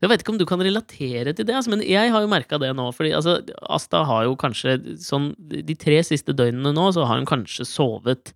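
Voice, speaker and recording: A man's voice: a little high, lively intonation, gravelly, few pauses, no echo, clean studio sound. A man in his thirties, a father telling a candid, rambling, self-mocking story in casual chat over a video call.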